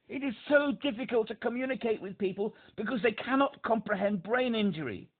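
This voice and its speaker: A husky, high-sitting male voice with lively intonation comes through a tinny phone line at normal speed. The man, who has a speech impediment, has called a helpline and insists on his point emphatically, saying it again and again.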